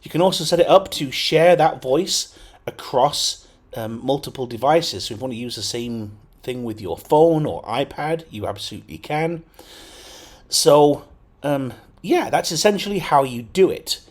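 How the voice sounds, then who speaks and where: A man runs an informal computer tutorial recorded from his screen, talking through each step with plenty of fillers and "okay?" checks. His mid-range voice is animated and moderately paced.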